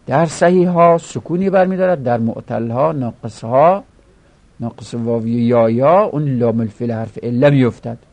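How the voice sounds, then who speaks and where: A man's voice: medium pitch, a little mellow. Man teaching grammar, chanting forms. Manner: explains step by step, chanting word forms aloud. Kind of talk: grammar lesson.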